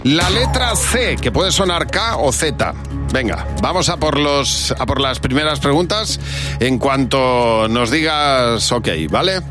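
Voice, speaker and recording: A man's voice: mid-range voice, expressive, slow pace, over music. A man hosting a morning radio show, chatting cheerfully and running a word game with callers. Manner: upbeat, runs a quiz game and reads a number clearly. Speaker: radio host. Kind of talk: lively morning radio chat.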